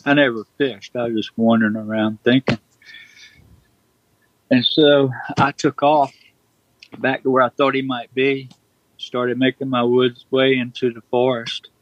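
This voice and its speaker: A man's voice: mid-range voice, fairly bright tone, dry recording. A man, telling a personal story in a rambling, plain-spoken way and correcting himself often. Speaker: guest recounting a personal experience. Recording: dull lo-fi sound.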